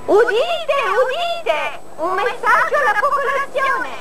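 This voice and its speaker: A woman's voice: very high voice, big pitch swings, takes it slowly, noisy background, full character voice. A woman voicing a small, eager cartoon character who calls out announcements like a town crier. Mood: proclaiming. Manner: town crier's loud, proclaiming call. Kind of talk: dubbed cartoon acting.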